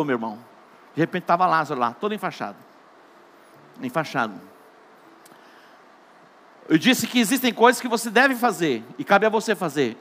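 A man with a Brazilian Portuguese accent preaching a sermon, telling jokes and stories, dropping to a hush and then rising to loud emphasis. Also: high voice. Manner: joking storyteller, shifts between hushed and loud emphatic. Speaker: pastor.

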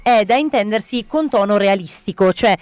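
A woman's voice: medium pitch, animated, normal speed, no echo. A woman co-hosting a radio show in casual, joking banter. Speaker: radio co-host.

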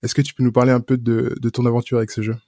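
A man's voice: medium pitch, little pitch movement, rapid-fire, mellow, no echo, clean studio sound. A man hosting a video game podcast, introducing a guest and asking questions with some fillers. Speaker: podcast host. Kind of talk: podcast interview.

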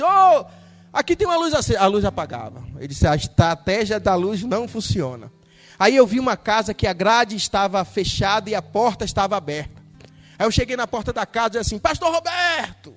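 A Brazilian pastor preaching a sermon, retelling a story with lively acted-out dialogue. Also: male voice, sits high, big-room sound. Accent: Brazilian Portuguese. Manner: animated storytelling, acting out dialogue.

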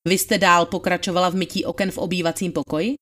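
A woman's voice: lowish voice, flat delivery, fairly bright tone, voice pushed down, lightly acted. A woman reading the part of a methodical male attorney questioning a witness, in a formal, probing manner. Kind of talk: dramatized trial testimony reading.

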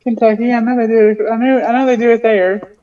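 A woman's voice: on the high side, fairly even intonation, a little fast, mellow. A woman co-hosts a casual podcast and mostly answers in short, laid-back replies. Her voice comes from a distance off the mic. The sound is dull and muffled. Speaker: podcast co-host.

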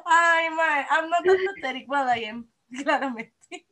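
A woman's voice: high voice, unhurried, bright, forceful tone. A Costa Rican woman chatting casually as a podcast co-host, playful and dramatic, mixing Spanish and English in Spanglish. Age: 30s. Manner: Spanglish, switching between Spanish and English mid-talk. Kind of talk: casual chat.

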